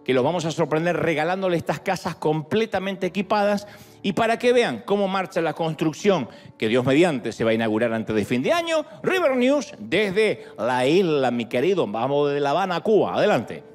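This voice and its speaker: Argentine pastor guy preaching, voice swings up and down a lot, kinda high. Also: moderate pace, in a large hall. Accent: Argentine Spanish. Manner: animated, playful, rising to calls to the crowd. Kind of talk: sermon.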